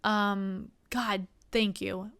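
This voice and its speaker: A woman's voice: medium pitch, level tone, very slow, a bit bright, clean tone. A young woman hosting her show with a rambling, self-mocking comic monologue. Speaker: comedian host.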